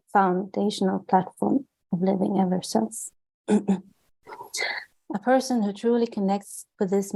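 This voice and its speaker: A woman from Sweden with a Swedish accent, an author reading aloud from her own book in an earnest, measured way with small restarts. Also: medium pitch, creaky, dark tone, rough recording. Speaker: author and guest.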